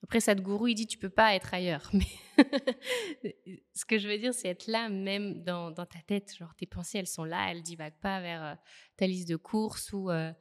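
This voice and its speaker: A woman hosting a podcast, talking in a lively, animated way and laughing easily. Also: medium pitch, normal speed, in a large hall. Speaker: podcast host. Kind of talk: casual conversation.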